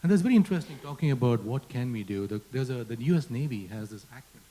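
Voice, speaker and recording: A man's voice: medium pitch, animated, fast, warm tone, rough recording. A man with an Indian accent moderating a panel discussion, earnest and often tagging "right?" onto his points. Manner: earnest, asks rhetorical questions with "right?".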